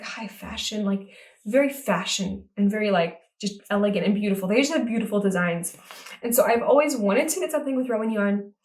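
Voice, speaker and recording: A woman's voice: mid-range voice, a little mellow, far from the mic. Chatty woman knitting host, roomy. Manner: enthusiastic, rambling with many fillers and restarts. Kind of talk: casual chat to camera. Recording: roomy sound, mic set back.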